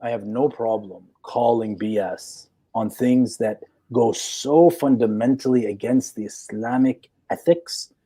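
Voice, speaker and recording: A man's voice: medium pitch, a little slow, hardly any pauses, mellow. A man in his forties, a psychologist in a live chat, talking assertively and checking in with "okay?" as he explains. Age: 40s. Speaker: guest psychologist.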